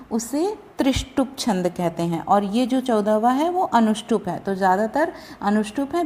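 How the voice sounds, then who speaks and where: A woman teaching how to recite scripture verses, chanting each line slowly and carefully and then explaining it in plain talk. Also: on the high side, a little mellow.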